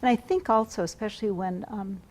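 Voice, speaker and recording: A woman's voice: mid-range voice, fairly quick, a little mellow. A woman guest on a studio morning show, speaking earnestly about reading to children with frequent ums. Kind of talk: studio interview.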